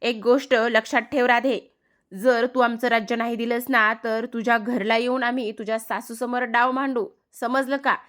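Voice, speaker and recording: A woman's voice: on the high side, level tone, normal speed, fairly bright tone, natural voice. A woman voicing a spirited, playful young girl who coaxes and teases her friend insistently. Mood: coaxing. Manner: coaxing, teasing insistence.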